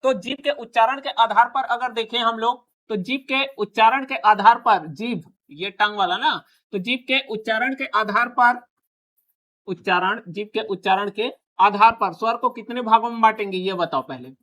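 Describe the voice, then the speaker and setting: A man's voice: high-pitched, moderate pace, sharp tone. A male teacher giving a classroom grammar lesson, asking his students question after question and repeating each answer back to them.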